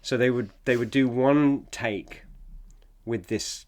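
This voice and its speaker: A man's voice: medium pitch, takes it slowly, darkish tone. A man appearing as a guest on a film podcast, talking enthusiastically and sharing production anecdotes. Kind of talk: casual film discussion.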